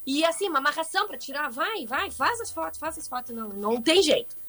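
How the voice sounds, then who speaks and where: A woman's voice: high voice, quick pace. A middle-aged woman, a guest in an interview who talks expressively and at length, often restarting her sentences. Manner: expressive, talkative, frequent restarts. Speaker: guest, fashion seller and social media influencer. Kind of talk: animated conversational interview.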